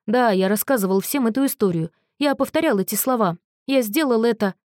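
A woman voicing a defensive, shamed young man who speaks flatly and quickly when pressed. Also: a little high, no echo, clean studio sound, natural voice. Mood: subdued.

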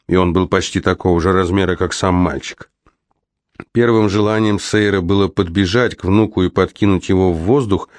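A man narrating an audiobook in a calm, measured reading, recorded in a studio. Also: deep voice, dry recording.

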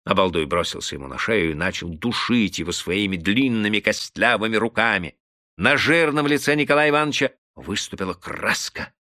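A man narrating classic prose in an expressive, dramatic reading. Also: fairly low pitch, no echo, clean studio sound. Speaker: audiobook narrator.

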